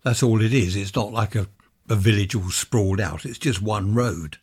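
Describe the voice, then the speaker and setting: A man's voice: fairly low pitch, normal speed, breathy edge. A man from West Sussex, chatting and rambling as he narrates a casual walkabout vlog on a handheld microphone. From West Sussex, England. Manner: chatty, rambling, thinking aloud. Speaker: vlogger.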